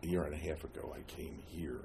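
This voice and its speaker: An elderly American man from New Jersey reminisces about his life in an interview, halting often with long pauses and hesitations. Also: extremely low pitch, steady tone, creaky, heavy background noise. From New Jersey, United States. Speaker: oral history interviewee. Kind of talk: reminiscing, telling life story.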